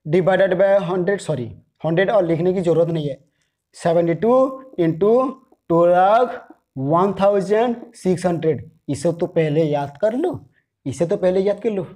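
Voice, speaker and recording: A man teaches a commerce math lesson in a chatty, friendly way. He keeps checking in with short tag questions and coaxes his students to call out their answers. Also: sits high. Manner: chatty, repeats "theek hai", coaxes viewers to answer aloud.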